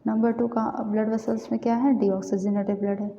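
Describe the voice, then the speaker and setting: A woman's fairly high, dark-toned voice moves fairly quickly with little pitch movement as she gives an informal anatomy lesson on diagrams. She says "theek hai" often to make sure listeners follow. The audio is roomy with long reverb, dull, and faintly hissy.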